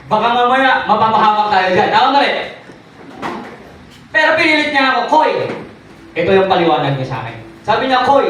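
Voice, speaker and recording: A man's voice: very high-pitched, fairly bright tone, slight background noise. A young man telling a comic story about himself to a live audience, teasing the crowd with questions. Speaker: speaker sharing his testimony. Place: event hall. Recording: echoey hall, mic from a distance.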